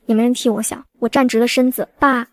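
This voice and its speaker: A woman's voice: on the high side, little pitch movement, fast talker, a little mellow. A woman narrating a first-person drama, with a cold, resolute manner.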